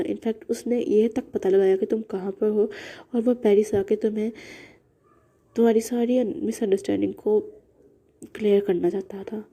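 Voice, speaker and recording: A woman voicing an earnest young married woman explaining a misunderstanding, in her own husky voice. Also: medium pitch, dark tone.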